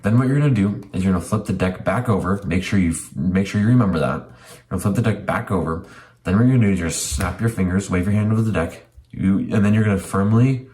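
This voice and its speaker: A man's voice: low-pitched, quick pace, mellow. A man presenting a magic tutorial, explaining step by step in an informal, repetitive instructing way. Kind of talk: casual step-by-step tutorial narration. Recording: music playing behind the voice.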